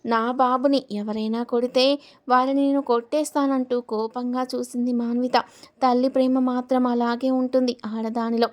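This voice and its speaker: A woman reads a serialized domestic story aloud in an even, scripted way. Her voice sits a little higher than most, and she gives every character's lines the same plain delivery. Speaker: story narrator.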